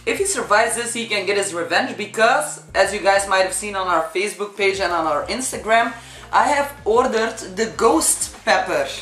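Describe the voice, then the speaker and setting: A woman's voice: medium pitch, moderate pace, fairly bright tone. A woman in her thirties chatting casually as host of a home challenge video. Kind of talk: casual chat. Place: indoor wood-cabinet room. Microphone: camera across the table. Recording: roomy echo, faint music.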